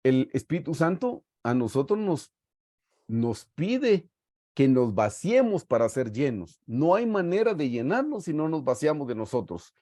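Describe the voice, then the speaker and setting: Speaking a little slowly and very animatedly, a middle-aged man from Guatemala delivers an earnest Bible lesson on a video call. He tells warm, pastoral stories and keeps addressing his listeners as "hermanos," or brothers. His pitch is fairly high, and the audio through his video call mic sounds clean and studio-like with no echo.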